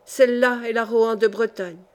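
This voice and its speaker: A woman's voice: on the high side, fairly even intonation, moderate pace, lightly acted. A woman playing a blunt, pious old peasant woman. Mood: approving.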